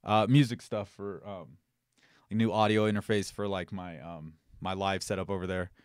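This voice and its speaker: A man's voice: low voice, fairly even intonation, normal speed, smooth, dry recording. Rambling male live-stream host, dry sound. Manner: rambling, gets heated and swears.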